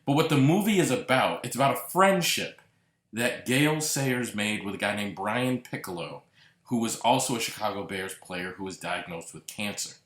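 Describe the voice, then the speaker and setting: A man's voice: fairly low pitch, expressive, normal speed, fairly bright tone. Earnest man hosting a podcast, roomy sound. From Massachusetts. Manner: earnest, lingering on repeated words. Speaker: podcast host. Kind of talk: reflective solo podcast monologue. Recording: roomy echo.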